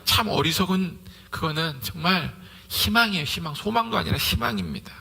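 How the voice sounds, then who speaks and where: A male pastor preaching a Sunday sermon in a lively way, acting out everyday conversations as he goes. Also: a little high, normal speed, vocal fry.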